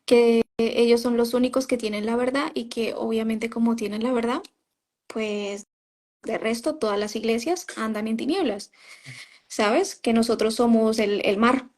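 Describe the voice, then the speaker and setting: Higher-voiced woman recounting her story. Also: a little slow, darkish tone. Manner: storytelling, often quoting herself, frequent "¿sabes?" and "o sea". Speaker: interview guest, former member of a religious group. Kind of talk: personal testimony in conversation.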